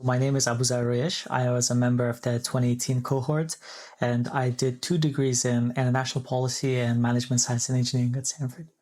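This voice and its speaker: Soft-spoken man, flat delivery. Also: mid-range voice. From Afghanistan. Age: 30s. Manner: measured and thoughtful, with small restarts. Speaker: guest. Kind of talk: reflective interview answers.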